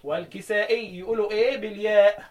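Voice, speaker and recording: A man with an Egyptian accent teaches a Quran recitation lesson, quizzing his students and slowly chanting verse lines before explaining them. His voice sits high with a steady tone.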